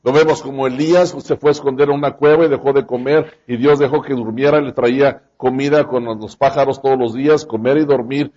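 A man's voice: mid-range voice, fairly even intonation, fairly quick, hardly any pauses, a little mellow, highs cut off. A man preaching a sermon, speaking straight to his congregation and acting out the lines he quotes. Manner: addresses the congregation directly.

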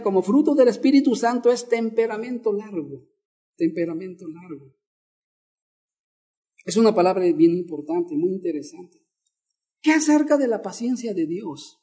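A man's voice: high-pitched, animated, moderate pace, mellow. A male pastor preaching a Bible-teaching sermon, repeating key words and asking the congregation questions.

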